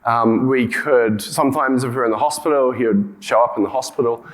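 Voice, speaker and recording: Male conference speaker, broad Kiwi accent, mid-pitched, informal and halting, with repeated words and restarts. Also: low-quality recording. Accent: broad New Zealand (Kiwi). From New Zealand. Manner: hesitant, often repeating words and circling back with hedges. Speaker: conference speaker, company co-founder and CEO.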